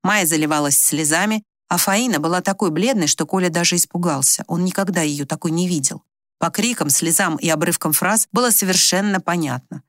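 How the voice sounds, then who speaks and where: A woman reading a village story aloud in an even storytelling manner. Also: fairly low pitch, brisk, no room sound, clean studio sound. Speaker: audiobook narrator. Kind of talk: scripted story narration.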